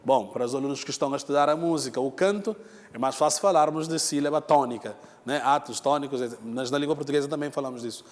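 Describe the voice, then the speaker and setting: A man's voice: medium pitch, quick pace, big-room sound. A man teaching a lesson, explaining step by step, repeating key terms and checking in with the students. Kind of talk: televised lesson.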